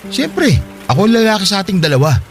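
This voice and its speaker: A man's voice: high voice, sing-song, fast talker, music in the background. An actor playing a defensive young man in a radio drama, pleading with his partner about going back to work.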